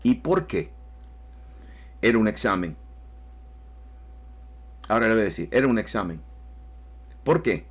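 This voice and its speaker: A man's voice: on the low side, sing-song, a little slow, pauses often, slightly rough. A man preaching a sermon emphatically, with rising bursts and repeated phrases. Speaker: pastor.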